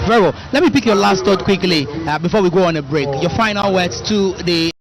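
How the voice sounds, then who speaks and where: A man's voice: sits high, fairly quick, faint music behind. A Ghanaian man hosting live rally coverage, linking segments and putting questions to guests. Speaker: live reporter and host. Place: outdoors among canopies at a rally. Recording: very noisy outdoor rally broadcast.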